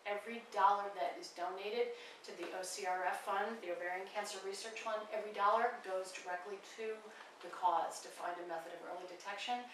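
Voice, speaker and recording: A woman's voice: mid-range voice, a bit bright. Passionate woman in her forties, echoey room. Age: 40s. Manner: earnest and urgent. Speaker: guest. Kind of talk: impassioned awareness appeal. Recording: echoey room from far off, faint noise.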